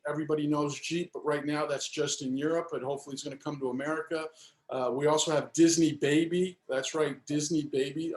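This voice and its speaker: A man's voice: fairly high pitch, reverberant. A man with a Northeastern US accent giving a chatty, upbeat sales presentation over a video call. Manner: chatty, upbeat, filler-heavy. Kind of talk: webinar presentation.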